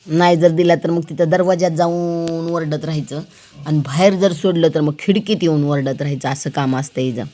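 A woman's voice: low-pitched, steady tone, normal speed, mellow. A woman vlogging about her pet cat in a playful, teasing way, often repeating words and asking viewers questions. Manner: asks the viewers questions directly.

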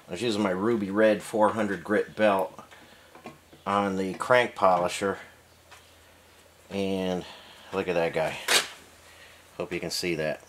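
Heard through an off-screen camera mic with slight background noise, a lowish-voiced engine builder gives a casual workshop demonstration in his home garage. He talks matter-of-factly and uses a lot of fillers.

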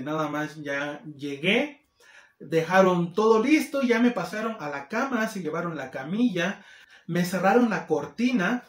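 A man with a Mexican accent telling a casual storytime, animated and acting out the people he quotes. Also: high voice. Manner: animated, acts out quoted people in shifting voices. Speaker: vlogger. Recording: roomy echo.

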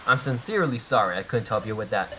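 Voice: mid-range voice, expressive, pushed and bright, slight background noise, voice pushed down. A player voicing a formal ghost guardian. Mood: earnest. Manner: measured, polite and formal.

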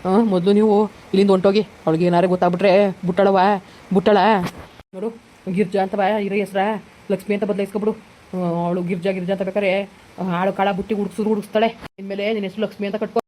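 A woman's voice: medium pitch, little pitch movement, very fast, mellow, slight background noise, pitched below the performer's own voice, natural voice, poor audio. A woman voicing a stern older village father who gives commands, with a rural Kannada accent. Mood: urgent.

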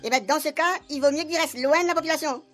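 A woman's voice: high-pitched, fast talker, fairly bright tone, soft background music. A woman voicing a blunt, mocking gendarme sergeant in a radio drama. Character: blunt gendarme sergeant, sharp-tongued subordinate.

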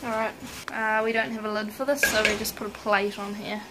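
Her voice sits in the mid range, level and brisk, as this twenty-something woman chats playfully through her casual home cooking vlog and pokes fun at herself. She's shot up close in a small kitchen at night. Pots, cutlery and dishes clatter loudly throughout the noisy recording.

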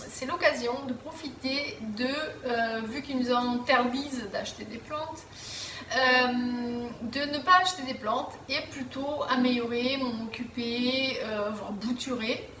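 A woman's voice: fairly high pitch, a bit bright, slight background noise. A woman in her thirties chatting to camera from her living room, with many fillers and restarts as she answers viewer questions. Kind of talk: casual chat to camera. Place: living room at home, indoors. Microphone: camera at a distance. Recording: roomy echo, voice a bit far from the mic.

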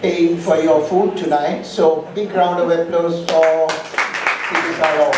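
At a lectern in a large, dark event hall, a man hosts a startup meetup and makes live announcements, enthusiastic but rambling and often restarting. His slightly high voice is fairly even and a little slow. He uses a handheld mic through the PA, and the distant camera captures an echoey, very noisy room.

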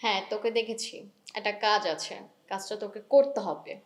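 A woman's voice: mid-range voice, brisk, lightly acted. A woman playing a scheming younger sister. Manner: bossy, coaxing. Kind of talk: short-film drama acting.

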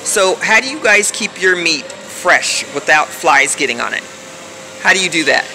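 Her voice sits on the low side but stays animated at a normal speed as this middle-aged American woman records a casual shopping vlog, thinking aloud into a handheld phone. The supermarket aisles around her hum with coolers, giving the clip a noisy background.

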